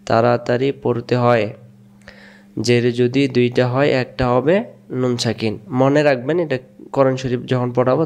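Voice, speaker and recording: A man's voice: mid-range voice, darkish tone, clean tone. A man with a Bangladeshi Bengali accent teaching Quran reading, spelling out syllables and repeating each one several times, and asking quiz questions that he answers himself. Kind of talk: slow spelled-out recitation lesson.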